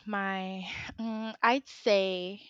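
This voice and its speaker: A woman's voice: medium pitch, steady tone, very slow, clean tone, dry recording. A young adult woman guesting on a podcast, chatting in a bubbly way and laughing often. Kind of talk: casual podcast chat. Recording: dull, dry lo-fi sound.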